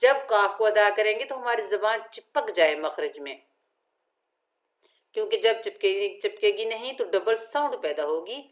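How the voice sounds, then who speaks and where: A woman's voice: mid-range voice, expressive, moderate pace. A woman teaching Quran recitation, spelling out each letter and repeating syllables patiently for the learner. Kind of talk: tajweed lesson, spelling out letters.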